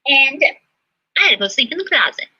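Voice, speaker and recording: A woman performing a solo comedy monologue, chatty, swinging between loud exclaims and hushed asides. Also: sits high, big pitch swings, brisk. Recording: dull lo-fi livestream sound.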